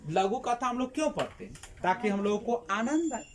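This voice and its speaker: A woman's voice: a little high, animated, a little fast. A woman teacher giving an exam-prep lesson, asking the class questions and answering them herself, repeating key words.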